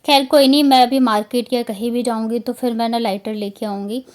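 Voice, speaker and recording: Brisk and a little mellow, this high-leaning female voice keeps a fairly even intonation. She's a vlogger in her thirties from Bihar, India, rambling casually over her home vlog footage with plenty of fillers.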